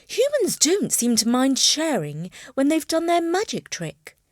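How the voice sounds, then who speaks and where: A prim and proper lady mouse from a storybook, careful and thoughtful, explaining things precisely, as a woman narrator puts her on. Her voice is raised and lively, recorded close and dry. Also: high-pitched, unhurried, no room sound, pitched above the performer's own voice, full character voice. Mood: earnest. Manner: precise, instructive. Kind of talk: storybook character voice.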